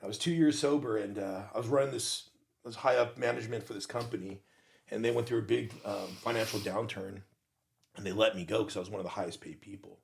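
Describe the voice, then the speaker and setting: A middle-aged man, a podcast guest, telling his recovery story in casual talk, animated and laughing often. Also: on the low side, fast talker, creaky, a little hiss or hum.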